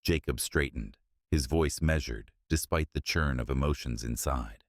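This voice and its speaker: A man narrating a scripted story in a steady, measured way. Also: extremely low pitch, dry recording, clean studio sound.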